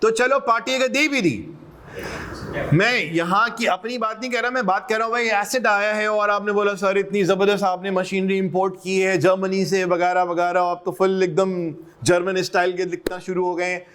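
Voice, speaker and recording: High, bright-voiced male accounting lecturer. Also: flat delivery, moderate pace, smooth. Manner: mixes English terms into lecture, quizzes students with prompts; jokes and teases students. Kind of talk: classroom lecture.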